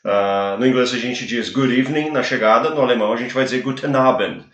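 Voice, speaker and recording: Measured Brazilian man, echoey room. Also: mid-range voice, fairly bright tone. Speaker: English teacher co-host. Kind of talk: casual classroom-style chat.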